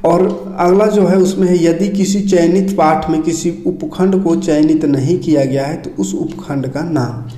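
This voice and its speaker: A man teaching a lesson, his voice set a little high but mellow and warm in tone. He takes each point in turn, stopping often to check that students are following. The recording has the noticeable echo of a bare room. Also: steady tone, unhurried, few pauses. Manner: explains item by item, repeats checks and tags. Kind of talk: casual screen-share lesson walkthrough. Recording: echoey room.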